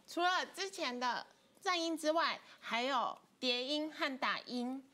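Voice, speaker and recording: High-voiced woman teaching a flute lesson. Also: a bit bright. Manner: patient, explains step by step. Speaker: music teacher. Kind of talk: online instrument lesson.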